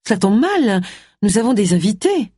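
A woman reading a storybook who voices a cold, curt, hostile wife of a politician, pitched well above her own voice. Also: big pitch swings, moderate pace, dark tone, slightly rough, no room sound, clean studio sound. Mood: icy.

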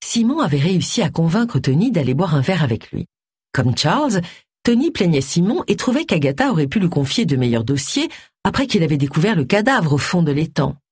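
An audiobook narrator giving an expressive reading of a novel on a close studio mic. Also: medium pitch, brisk, slightly rough, dry recording.

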